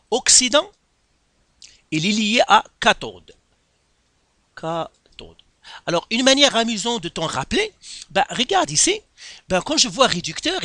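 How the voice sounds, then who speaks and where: In a chemistry lesson in Quebec French, a man works through an exercise step by step, asking himself plenty of rhetorical questions as he explains. His voice sits high and sounds pushed and bright, recorded dry with clean studio sound.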